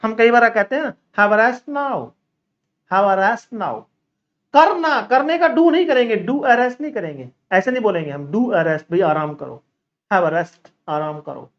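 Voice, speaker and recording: A man from India teaching an English lesson in Hindi, repeating example sentences slowly and addressing viewers as children. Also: high-pitched, expressive. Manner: slow, repetitive drilling of example sentences. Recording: slightly dull lo-fi recording.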